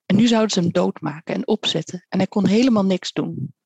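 Woman reading a kids' story out loud, mid pitch, dry close sound. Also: brisk, gravelly, breathy edge, no echo. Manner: lively character voices. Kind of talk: reading a children's story aloud.

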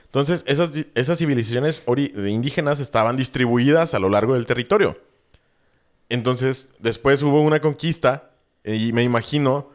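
A man's voice: mid-range voice, clean tone. A young man with a Jalisco Mexican accent chatting casually as a podcast co-host, slangy and swearing freely while he rambles through explanations. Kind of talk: casual chat.

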